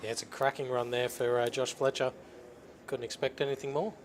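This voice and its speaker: A man's voice: mid-range voice, level tone, a little fast, a little hiss or hum. A man with an Australian accent co-commentating drag races from a commentary box, dry and matter-of-fact. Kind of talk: live race commentary.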